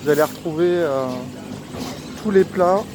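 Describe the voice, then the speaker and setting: Guy vlogging a street food tour thru a face mask, kinda high voice, lots of traffic noise. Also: measured pace. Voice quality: slightly muffled through a face mask. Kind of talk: casual walking tour narration. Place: outdoors at a busy street market and station. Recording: outdoor street recording with clear traffic noise. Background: urban street noise, vehicles.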